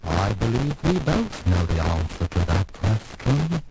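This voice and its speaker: A man's voice: lowish voice, sing-song, unhurried, over loud music. A man playing a ghoulish, cheerfully creepy monster-maker host in a mock-genteel, theatrical manner on a 1960s comedy record. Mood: dry, macabre. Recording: noisy old 1960s record.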